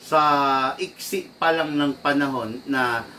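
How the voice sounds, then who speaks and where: A man casually hosting a live stream from an airsoft shop, chatty and quick to laugh as he greets viewers. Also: fairly high pitch, pushed and bright. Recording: distant mic, faint background noise.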